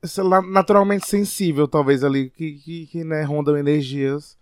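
A man talks casually on a podcast, reflective and a little hesitant as he thinks aloud. His voice sits a touch high. The sound is dry and close, with no room around it. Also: fairly even intonation, normal speed, darkish tone, smooth, no echo. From Piauí, Brazil. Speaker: podcast co-host.

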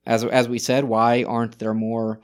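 A man's voice: medium pitch, completely flat delivery, normal speed. A man co-hosting a podcast, reading historical passages aloud and discussing them casually, often restarting his sentences. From Czech Republic. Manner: reads from sources with frequent restarts. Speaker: podcast co-host.

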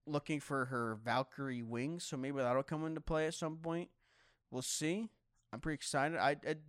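A man's voice: medium pitch, clear, resonant tone, no room sound, clean studio sound. A young man streamer chatting casually to viewers, rambling and swearing, often stumbling over his words. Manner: rambling, profane, stammering restarts.

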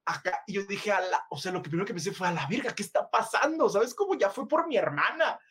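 A man with a Mexican accent, a podcast co-host telling a personal story in a casual, animated, slangy way, laughing often. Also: high voice, fast, a little hiss or hum.

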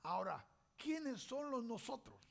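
A man preaching a sermon in a slow, deliberate way, pausing often and asking rhetorical questions. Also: extremely high pitch, big pitch swings, vocal fry.

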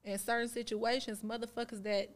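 Twenties woman, podcast co-host, blunt, profane, slightly high voice. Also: little pitch movement, a little fast. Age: 20s. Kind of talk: casual chat.

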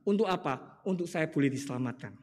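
A man preaching a sermon, asking rhetorical questions and swinging between loud and hushed delivery. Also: fairly high pitch, expressive, fairly quick. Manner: acts out quoted voices in his stories. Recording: hall reverb.

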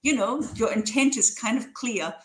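A woman's voice: on the high side, normal speed, a bit bright. A woman explaining things casually as an interview guest, emphatic and repeating words to make her point. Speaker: interview guest, writer or publisher.

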